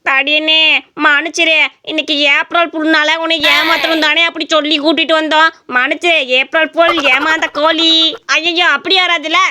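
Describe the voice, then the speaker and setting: Cartoon: teasing prankster boy, shrill bright tone, voiced by a woman. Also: flat delivery, normal speed. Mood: mischievous. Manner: mischievous, teasing. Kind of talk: cartoon voice acting.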